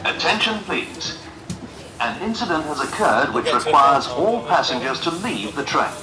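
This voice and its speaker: A train announcer giving a calm, scripted emergency evacuation message over a loudspeaker system, measured and insistent, repeating key words. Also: mid-range voice, crowd noise. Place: inside a shuttle train during a drill. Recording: echoey loudspeaker heard from a distance, noisy.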